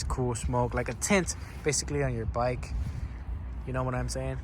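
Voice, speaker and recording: A man's voice: medium pitch, background noise. A man talking casually to viewers in a laid-back, slangy way, as a motorcycle vlogger explaining things. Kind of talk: casual vlog talk, explaining bike modifications.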